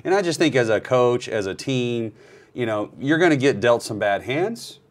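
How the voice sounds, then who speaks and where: A man's voice: medium pitch, lively intonation, moderate pace. A rugby coach, a man, giving firm, plainspoken opinions in a casual podcast chat.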